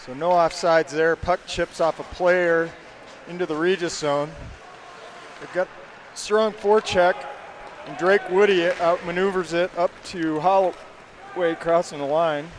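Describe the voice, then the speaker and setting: A man calls a youth hockey game play by play, reeling off passes and shots at a brisk clip. His voice sits a little high for a man. A faint hum of the surroundings stays under him. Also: steady tone. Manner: rapid play-by-play, names each pass. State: hiccups. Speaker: play-by-play commentator.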